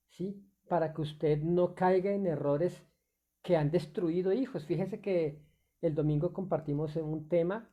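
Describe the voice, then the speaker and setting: A man's voice: fairly high pitch, warm tone. A male pastor preaching a sermon off the cuff, full of fillers, restarts and rhetorical questions.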